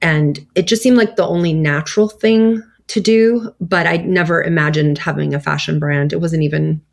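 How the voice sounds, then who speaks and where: A woman with a fairly low voice, chatting casually as an interview guest. She rambles, fills her pauses with "you know" and "um", and laughs often as she tells her story. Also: fairly even intonation, creaky. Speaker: guest, clothing brand founder.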